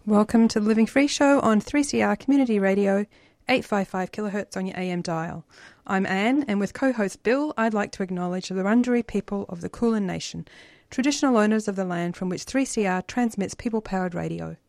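A woman's voice: medium pitch, fairly quick, vocal fry, darkish tone, no room sound. A woman hosting a community radio show, reading a scripted welcome and then chatting easily with her guest. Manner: friendly, scripted intro then easy chat. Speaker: radio host.

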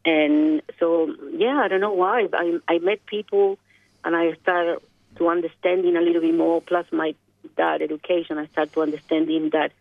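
A woman's voice: fairly low pitch, fairly even intonation, moderate pace, dry recording. A woman from Chile with a Chilean Spanish accent, a guest in an interview, speaking reflectively and searching for her words. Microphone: telephone. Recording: dry, tinny phone line.

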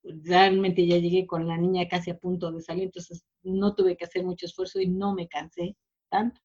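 A woman's voice: fairly low pitch, level tone, normal speed. A woman, recounting a personal experience in an interview with emotional, searching speech and frequent fillers. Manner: warm, emotional, many fillers. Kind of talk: personal storytelling. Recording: slightly dull lo-fi audio.

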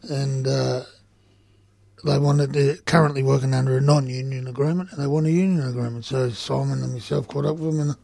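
A man with an Australian accent and a rough, gravelly voice, telling stories bluntly and colloquially in casual radio chat. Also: mid-range voice, steady tone, fairly quick, warm tone, no echo. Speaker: union organiser reporting on site visits. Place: community radio studio.

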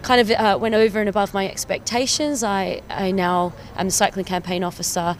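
She's in her thirties, from Perth, Western Australia, and works as a cycling campaign officer. Speaking briskly in a steady, medium-pitched voice with an Australian accent, she gives a chatty, enthusiastic personal account to camera on a city street, with small laughs and slight background noise.

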